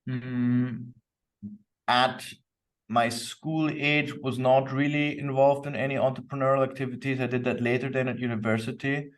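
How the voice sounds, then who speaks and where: On a podcast, a co-founder from Austria describes his perspective in a calm, considered conversational manner. He talks at normal speed with a level tone and medium pitch, and the microphone sits far from him.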